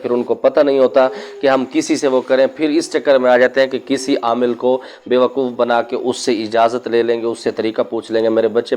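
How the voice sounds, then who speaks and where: A man's voice: medium pitch, darkish tone. A man, a spiritual healer, speaking indoors and giving earnest, cautionary religious advice to his viewers, with stories from his own practice. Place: indoor room.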